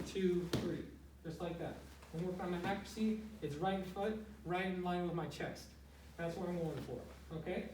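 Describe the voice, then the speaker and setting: A man's voice: high voice, darkish tone. A man giving a casual, step-by-step martial arts lesson, explaining plainly and checking in often. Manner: plain-spoken, explanatory, frequently checking with "okay". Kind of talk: casual step-by-step instructional demonstration. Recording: roomy, noisy, distant microphone.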